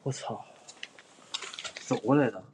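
A man's voice: medium pitch, a little slow, darkish tone, slight background noise. Guy livestreaming a ghost hunt, cussing a lot, just chatting with his viewers. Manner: blunt and swearing, chatty, thanks viewers for gifts. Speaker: livestreaming ghost hunter host. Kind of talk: casual live-stream chat with viewers. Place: abandoned building, indoors.

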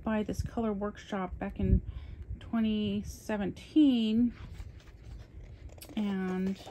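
A woman's voice: mid-range voice, fairly even intonation, slow, warm tone, a little hiss or hum. A woman hosting a casual coloring book haul, talking chattily and with enthusiasm as she flips through her purchases. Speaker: coloring channel host. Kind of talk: casual haul show-and-tell.

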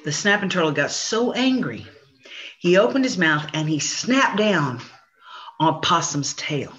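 A woman storyteller telling a traditional folk tale, animated and conversational. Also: lowish voice, measured pace. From Chickasaw Nation. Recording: dull lo-fi recording.

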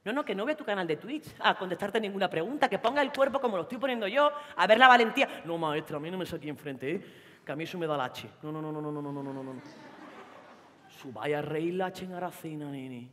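A woman's voice: mid-range voice, sing-song, quick pace, hardly any pauses, a bit bright, in a large hall, voice pushed down. A woman playing a cocky, macho teenage boy from Jaén with an Andalusian accent, brash and teasing on a theatre stage. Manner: brash, teasing, streetwise slang. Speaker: actress. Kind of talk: theatre monologue.

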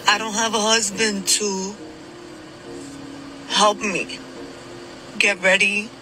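A woman's voice: mid-range voice, level tone, slow, sharp tone, a little hiss or hum, rough recording. A woman in her forties venting wearily in a personal vlog. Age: 40s. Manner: weary, venting. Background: music.

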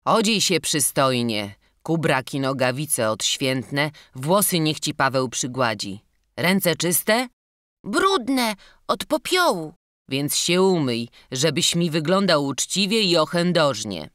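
A woman reading the part of a stern elderly male canon scholar, giving brisk, commanding orders. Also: sits low, sing-song, a bit bright, no room sound, studio quality, full character voice.

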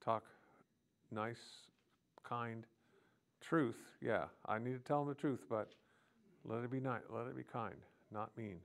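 A man preaching a sermon in short, halting phrases with frequent restarts. He often breaks into earnest prayers spoken aloud to God. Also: medium pitch, fairly even intonation.

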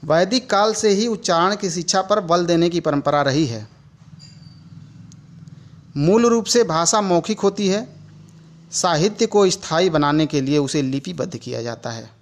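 Guy from india teaching a recorded class, slow careful explaining, fairly high voice. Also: expressive. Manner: slow, deliberate explanation with spoken examples. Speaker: teacher educator. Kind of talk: recorded e-learning lecture.

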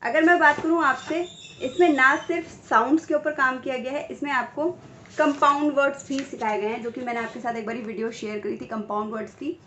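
A woman's voice: sits high, fairly even intonation, a bit bright, highs cut off, a little hiss or hum. Chatty woman sounding out phonics. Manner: chatty, sounds out letters and words slowly. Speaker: parenting vlogger reviewing phonics books. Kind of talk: casual explanatory review.

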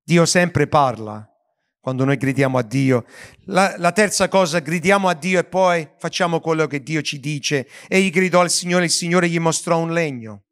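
High-voiced man preaching a sermon. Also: moderate pace, a bit bright. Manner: earnest preaching with frequent restarts and stumbles. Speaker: pastor.

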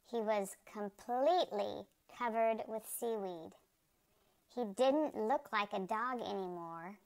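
A woman reading a children's picture book aloud, slowly and carefully, jumping high and loud for the characters' shouts. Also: smooth.

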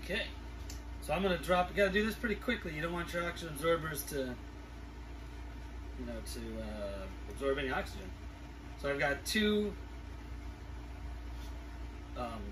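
A middle-aged man with a sick, congested throat, giving a casual hands-on demonstration in a halting mutter as he works. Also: a little high, animated. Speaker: food-storage vlogger. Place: small living room, indoors. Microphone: camera a few feet away. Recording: distant camera mic, clearly noisy room.

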